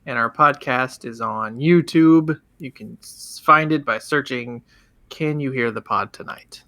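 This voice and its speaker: Guy cracking dry jokes, bright sharp voice, dry mic. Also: mid-range voice, a little slow, gravelly, no room sound. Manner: wisecracking, deadpan jabs. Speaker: podcast guest. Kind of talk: casual chat.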